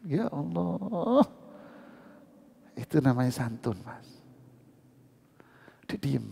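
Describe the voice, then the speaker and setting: A man giving a lively, joking sermon at a mosque study session, teasing the congregation questions. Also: on the high side, very slow, gravelly, breathy edge. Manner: animated, teasing, asks the audience questions. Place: mosque hall. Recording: reverberant mosque hall.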